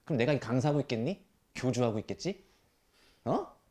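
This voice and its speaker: Guy tutor yelling at his class, swears a lot, voice jumps all over, keeps asking questions at them. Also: mid-range voice, fairly quick. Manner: blunt, profane scolding; animated, rhetorical questions. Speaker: math tutor. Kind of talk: classroom lecture.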